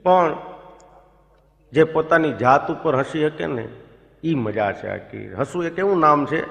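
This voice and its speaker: A man's voice: a little high, animated, takes it slowly, gravelly, a bit bright, lo-fi sound. A man, telling comic stories on stage and voicing his friends in the quoted lines. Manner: chatty storyteller, voices friends in quoted lines. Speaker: stand-up comedian telling stories. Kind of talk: live comic storytelling. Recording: echoey hall with long reverb. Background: audience laughter.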